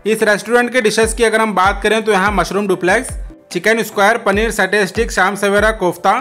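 A man reading a local news voice-over report, listing dishes in a brisk report tone. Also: high voice, fairly even intonation, pushed and bright, faint music behind.

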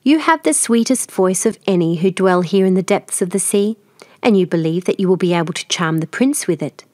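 A woman's voice: on the low side, lively intonation, fairly quick, darkish tone, dry recording, studio quality, close to an everyday voice. A woman voicing a mocking old sea witch. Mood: menacing. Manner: mocking, menacing.

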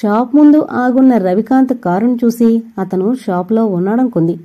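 A woman narrating an audio novel in a steady, scripted storytelling reading. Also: on the high side, normal speed, narrow, tinny audio.

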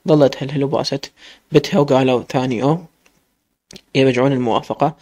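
A man with an Iraqi accent reading a romance story aloud as a storyteller, in rapid running narration. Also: mid-range voice, steady tone, a little mellow, dry recording.

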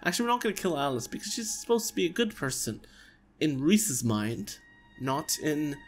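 A man's voice: on the high side, sing-song, moderate pace. Jokey man doing casual gameplay commentary over music. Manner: jokey, talking to himself. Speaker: let's player. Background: game music.

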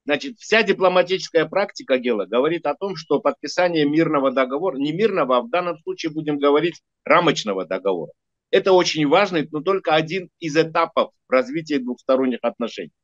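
An older man speaks as a diplomat, laying out his analysis in a measured, lecturing way and often pausing to correct himself. His voice sits a little high. The sound is dry and somewhat dull, like a lo-fi call. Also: expressive, dry recording. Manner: measured, lecturing, many hesitations and self-corrections. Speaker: diplomat and regular guest analyst. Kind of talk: political analysis interview.

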